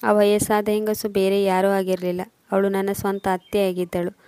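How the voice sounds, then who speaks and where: Woman storyteller, flat measured reading, mellow dry close-mic sound. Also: mid-range voice, dry recording. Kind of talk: first-person story narration.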